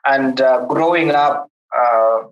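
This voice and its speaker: A Kenyan man in his thirties, speaking with a Kenyan accent, reflectively tells a podcast host his life story, often repeating words as he starts sentences. His mid-range voice moves slowly, and the audio sounds dull.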